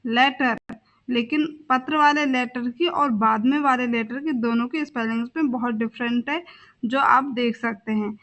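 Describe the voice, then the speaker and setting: A young woman teaches English vocabulary at a moderate pace, her voice a little high with a fairly bright tone. She says every word two times and spells words out letter by letter.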